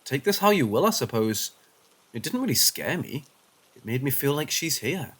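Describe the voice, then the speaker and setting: A man narrating first-person paranormal stories as scripted narration, dropping low and quiet for the tense moments. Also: big pitch swings, moderate pace, slightly rough.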